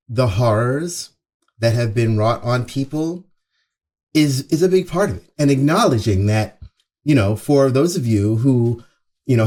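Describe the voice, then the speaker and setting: A man delivering an opening monologue as host, speaking in an earnest, emphatic, conversational way with pauses and repetition for stress. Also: mid-range voice, a little mellow. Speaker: show host. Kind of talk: opening monologue, half-scripted social commentary.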